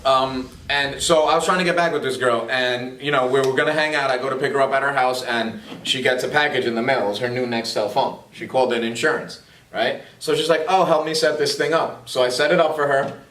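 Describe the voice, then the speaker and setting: A man's voice: medium pitch, a little fast, fairly bright tone, far from the mic. Brash man telling stories in a roomy room. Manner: brash, boastful, joking. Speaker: podcast co-host. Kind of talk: casual chat, crude storytelling. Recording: roomy, from away from the mic, faint noise.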